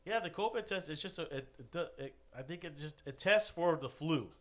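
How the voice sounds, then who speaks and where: A man's voice: on the high side, lively intonation, moderate pace. Rambling guy telling a sick story. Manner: rambling, loose storytelling with lots of "dude". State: recovering from covid, still short of breath. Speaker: guest. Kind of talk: casual podcast chat.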